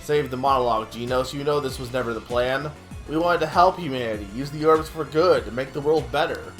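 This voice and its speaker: A man's voice: medium pitch, brisk, soft background music, natural voice. A man playing an earnest, pleading bird scientist from a video game, speaking with urgency as a mentor.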